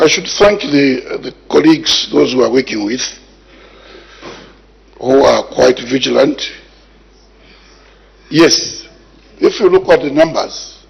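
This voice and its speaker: Man, minister type, gravelly husky voice, measured, dull broadcast sound. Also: medium pitch. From Zambia. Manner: measured, repeats words while thinking. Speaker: health minister answering in parliament. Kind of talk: parliamentary answer. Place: parliament chamber.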